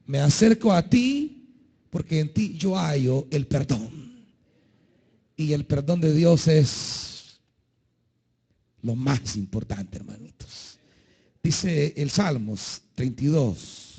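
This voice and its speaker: A man delivers a sermon with a husky, high-pitched voice. He speaks slowly and deliberately, climbing to shouted pleas and then sinking to near-quiet lines. The manner is that of an impassioned pastor. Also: lively intonation. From El Salvador. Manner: impassioned preaching, rising to shouts and dropping low.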